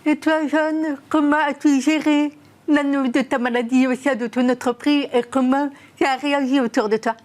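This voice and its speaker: A woman's voice: sits high, fairly even intonation, moderate pace, a little mellow. A woman presenting as host and putting prepared questions to her guests. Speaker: interviewer and host. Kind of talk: scripted introduction and interview questions.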